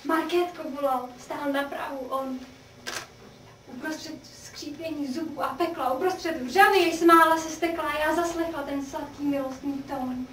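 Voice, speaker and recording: A woman's voice: high voice, steady tone, a bit bright, roomy sound, recorded from a distance, a little hiss or hum. An actress voicing a grief-stricken, half-mad young condemned woman, pleading and trembling in theatrical verse for a radio play. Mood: rapturous.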